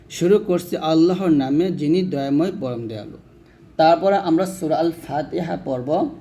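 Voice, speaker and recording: A man teaching prayer recitation, chanting each phrase slowly and drawn out, then explaining pronunciation quickly in between. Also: fairly high pitch, dark tone. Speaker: religious teacher.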